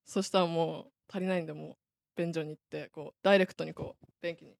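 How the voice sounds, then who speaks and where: A young woman from Saitama introducing herself with an animated story. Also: deep voice, fast talker, gravelly, no room sound. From Saitama, Japan. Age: young adult. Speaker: new student guest. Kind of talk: self-introduction anecdote.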